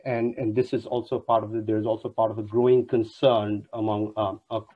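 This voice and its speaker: Speaking briskly in a fairly low, level voice, this thirtysomething lecturer from Nepal opens an online panel. He's formal yet full of fillers and restarts. He's at home on a video call via a wired earphone mic, and the audio is dull and lo-fi.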